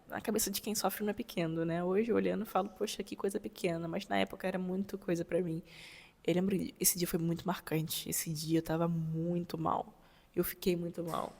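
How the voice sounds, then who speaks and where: A woman's voice: on the low side, vocal fry, a little mellow, long reverb tail. A young Brazilian woman giving an emotional personal testimony, often repeating words and speaking directly to her viewers. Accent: Brazilian Portuguese.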